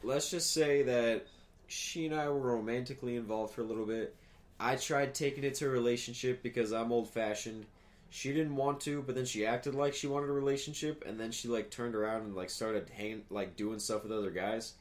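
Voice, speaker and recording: Male podcast co-host, medium pitch, tipsy and rambling, casual conversational delivery. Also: fairly even intonation, a little fast. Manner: drunk, loose rambling talk. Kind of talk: casual chat.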